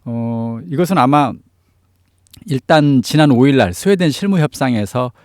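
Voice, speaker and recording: A man's voice: medium pitch, lively intonation, normal speed, a little mellow, dry recording, clean studio sound. A man giving explanatory analysis as a political commentator in an interview, stressing key phrases. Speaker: news commentator on North Korea affairs.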